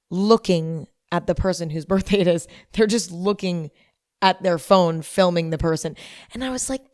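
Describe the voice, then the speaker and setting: A woman's voice: fairly low pitch, a little mellow, clean tone, no echo, clean studio sound. A hungover young adult woman hosting a podcast as a casual, rambling monologue, repeating herself for emphasis. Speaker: podcast host.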